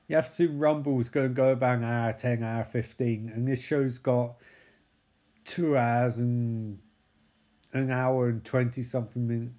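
A man's voice: medium pitch, warm tone. A man giving casual, rambling, enthusiastic commentary.

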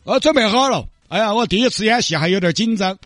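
A man's voice: high voice, animated, quick pace, a bit bright, no room sound, clean studio sound, voice pushed up. A man voicing a nervous middle-aged father with a Sichuan accent who overacts a hammy, wailing grief.

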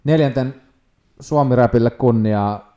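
A young man with a mellow, warm tone chats casually on a podcast. He talks up his favourite songs with real enthusiasm, like he's recommending them to friends. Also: medium pitch. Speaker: podcast co-host. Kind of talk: casual chat ranking songs.

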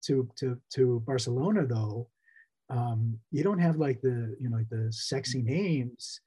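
A man's voice: medium pitch, a little slow, mellow, slightly rough. A man co-hosting a basketball podcast, talking in a rambling, casual way with many restarts. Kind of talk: casual sports chat.

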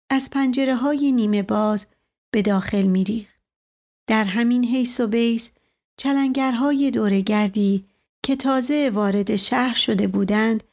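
A woman narrating a novel as an audiobook in a steady, measured reading. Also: mid-range voice.

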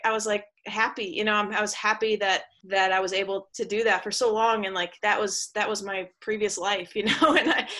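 Woman guest, retired athlete, bright tone, calm and reflective, restarts a lot. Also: mid-range voice. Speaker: retired soccer player and guest. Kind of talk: casual podcast conversation.

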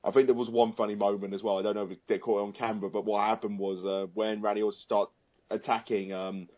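A man's voice: on the low side, little pitch movement, fast talker. A man co-hosting a casual wrestling chat, rambling and repeating phrases for emphasis. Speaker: podcast co-host. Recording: dull, lo-fi audio.

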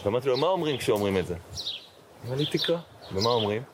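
Middle-aged man, rabbi guest telling his story, lively acted-out dialogue, noisy background. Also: medium pitch. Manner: animated storyteller acting out dialogue, frequent fillers. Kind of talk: personal storytelling in an interview. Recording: noticeable background noise.

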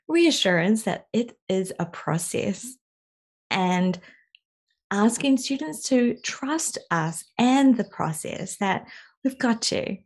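A woman's voice: mid-range voice, gravelly, a little mellow. A woman co-hosting a podcast, chatting about a course with enthusiasm. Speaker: course co-host. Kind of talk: casual podcast chat.

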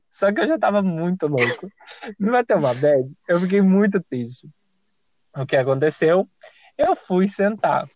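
Brief: young Brazilian male podcast host, high voice, dry close sound, animated and profane storyteller. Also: no echo. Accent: Brazilian Portuguese. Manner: lively, profane, self-mocking. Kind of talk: casual storytelling.

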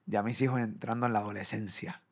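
A man's voice: fairly low pitch, little pitch movement, quick pace. A man in his forties with a Puerto Rican accent, hosting a podcast in crude, boisterous casual banter. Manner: boisterous, profane, loud mock impressions. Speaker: podcast host.

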